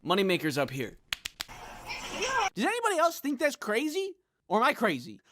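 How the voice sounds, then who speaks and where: A man's voice: high voice, huge pitch swings, normal speed, background noise. A man doing comedic vlog talk to camera, jokey and self-mocking. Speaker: YouTuber.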